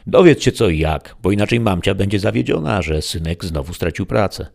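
A man's voice: sits low, expressive, a little fast, gravelly, darkish tone, pitched above the performer's own voice, exaggerated voice. A man voicing a crude, patronizing middle-aged male police inspector. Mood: scheming.

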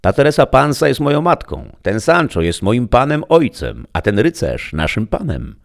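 A man voicing an eager fourteen-year-old peasant girl in a read-aloud classic novel, her lines high and excited. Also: normal speed, creaky.

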